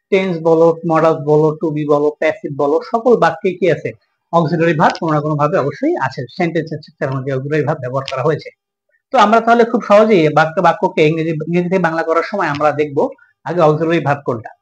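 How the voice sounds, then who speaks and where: A male teacher with a Bangladeshi Bengali accent runs a grammar lesson at a brisk clip. He keeps posing questions and answering them himself, in a high voice on a dull, lo-fi recording. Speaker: English teacher.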